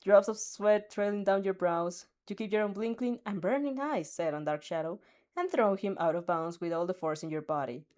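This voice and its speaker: A woman with a medium-pitched, darkish voice reads a second-person fan story at normal speed. Slips and restarts come often, along with bursts of giggling.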